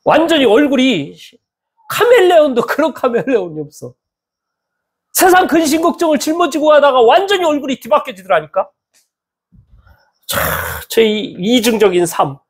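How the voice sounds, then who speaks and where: A male pastor preaching a sermon in a church, animated and acting out the voices of people he quotes. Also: extremely high pitch, normal speed, long pauses, breathy edge. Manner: animated, acts out quoted speech with lively swings in tone.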